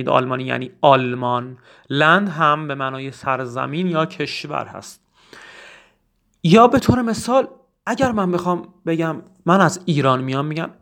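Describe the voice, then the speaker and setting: A man teaching German in Persian who says German phrases slowly and then explains them. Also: fairly high pitch, creaky, fairly bright tone. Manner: earnest, urges memorizing phrases. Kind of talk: spoken language lesson.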